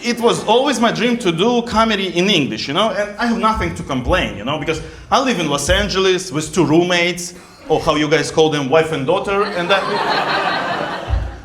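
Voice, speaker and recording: A middle-aged man from Russia with a Russian accent, performing stand-up comedy in broken English with deadpan delivery. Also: sits high. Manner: deadpan jokes in broken English, pausing for laughs. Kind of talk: stand-up set. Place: comedy club stage in Berlin. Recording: echoey club with loud audience.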